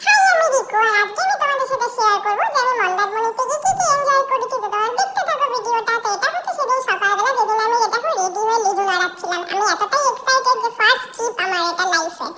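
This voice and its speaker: A woman voicing an excited young pet dog who chatters about its first trip, in playful pet-vlog narration. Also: extremely high pitch, rapid-fire, hardly any pauses, a loud crowd, voice pushed up. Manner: bubbly, chattering storyteller.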